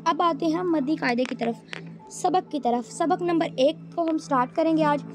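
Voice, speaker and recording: A woman with a Pakistani Urdu accent teaching Quran reading step by step, repeating each point and speaking straight to viewers. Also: high voice. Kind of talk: patient step-by-step lesson. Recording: music playing behind voice.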